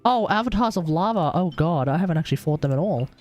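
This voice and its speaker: Talking fast and expressively, an Australian streamer with a mid-range, darkish voice delivers casual gaming commentary, half-muttering to themselves and cursing lightly. Video game music plays in the background.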